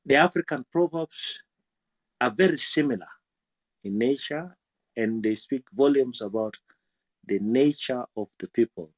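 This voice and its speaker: A man talks in a halting way, stumbling through restarts and fillers as he shares thoughts in a group discussion. His voice sounds muffled and slightly dull, and it is dry and close with no room sound, as if coming through a video call. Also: mid-range voice, no room sound. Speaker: guest speaker.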